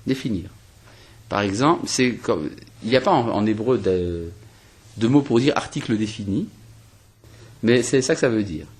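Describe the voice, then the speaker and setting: A man with a husky, slightly breathy voice gives a spoken religious lesson. His pitch rises and falls in a lively way as he reasons aloud, asking his listeners questions and restarting sentences mid-thought. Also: normal speed, long pauses. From Algeria. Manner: explains step by step, asking rhetorical questions; hesitant restarts and fillers while reasoning. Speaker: rabbi teaching a class.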